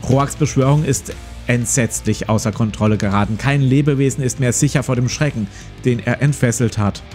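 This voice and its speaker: Plucked guitar music plays behind a forties-aged man who reads a gamebook aloud as host of a let's play, chatting casually between passages. He speaks a little fast in a medium-pitched voice with a darkish tone.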